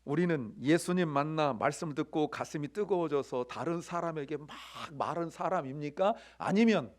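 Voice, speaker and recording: A Korean-American man preaching a sermon as pastor, swinging between loud, excited bursts and hushed near-whispers while asking his congregation questions. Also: a little high, normal speed. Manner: conversational, asks the congregation questions.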